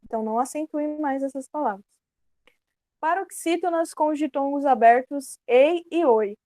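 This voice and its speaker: A woman's voice: sits high, moderate pace, warm tone, dry recording. A woman with a Brazilian Portuguese accent teaching an online grammar lesson, explaining casually and correcting herself as she goes.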